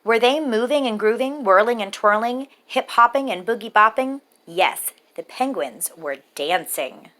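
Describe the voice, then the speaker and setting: Reading a picture book to young children, a woman uses a slightly high voice and phrases the text in a measured, rhythmic, expressive way.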